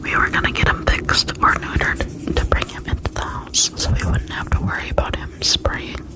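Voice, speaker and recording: A woman speaks entirely in a soft, unvoiced whisper. She chats casually in ASMR style, with tingly mouth articulation. Words and phrases are often slowly repeated. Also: loud music behind the voice. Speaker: ASMR video creator.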